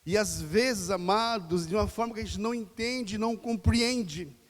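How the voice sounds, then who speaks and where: A man's voice: high voice, moderate pace. A man preaching a sermon in Brazilian Portuguese, conversational, firing off rhetorical questions and acting out voices. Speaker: pastor. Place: church hall. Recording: reverberant church hall.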